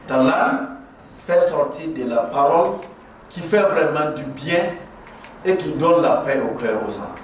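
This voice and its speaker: The voice is a little high, with lively intonation and a slightly slow delivery: a middle-aged man from Burkina Faso, invited to speak at a mosque inauguration, preaching with passion and hammering points home through repetition. The recording, made far from the mic in a large prayer hall, is very echoey with slight background noise.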